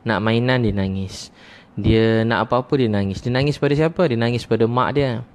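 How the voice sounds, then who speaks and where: A man's voice: medium pitch, moderate pace. Man preaching with rhetorical questions. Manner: repetitive, rhetorical questions, frequent "ha" interjections. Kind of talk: sermon.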